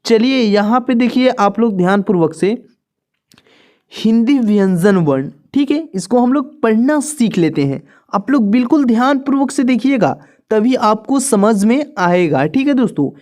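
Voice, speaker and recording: A woman's voice: on the high side, lively intonation, normal speed, a little mellow. A woman teaching a beginner reading lesson, patiently naming each letter and repeating it for her viewers.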